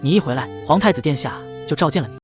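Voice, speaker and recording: Man reading stern knight commander, blunt and dry, brisk pace. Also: fairly high pitch, lively intonation, soft background music, natural voice.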